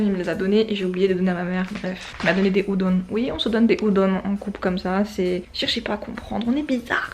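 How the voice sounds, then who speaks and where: A woman's voice: fairly high pitch, darkish tone, slight background noise. Chatty young woman vlogging at home. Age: 20s. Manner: chatty, rambling, quick asides. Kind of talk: casual vlog chat to camera. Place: indoors at home, bedroom. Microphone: handheld compact camera.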